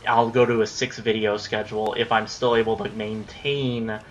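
Rambling over a game, this late-teen YouTuber lays out what he plans to record and curses whenever the play goes badly. He speaks at a normal pace in a lowish voice with little pitch movement. The recording has its highs cut off and carries a faint hiss or hum.

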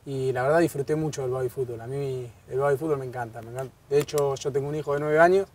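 A man in his thirties with a Rioplatense Spanish accent, a guest footballer chatting casually in an outdoor garden bar, relaxed and repeating his words. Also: medium pitch, quick pace. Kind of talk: casual interview chat. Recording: distant outdoor pickup, faint ambience.

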